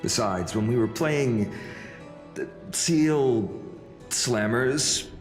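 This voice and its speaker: A man's voice: medium pitch, drawn-out words. A young man voicing a game character, joking and easygoing with a friend. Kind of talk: game cutscene voice acting. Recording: roomy with long reverb, faint music.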